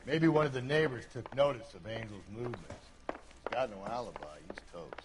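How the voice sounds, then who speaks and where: An actor playing a world-weary, profane police detective in a 1940s crime game, talking bluntly. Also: male voice, medium pitch, lively intonation, a little fast, background noise, natural voice. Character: gruff cynical middle-aged male police detective.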